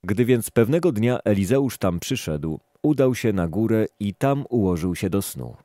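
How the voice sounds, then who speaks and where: A man reading scripture aloud in a calm, even, measured manner. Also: on the low side, no echo, clean studio sound. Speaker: scripture reader.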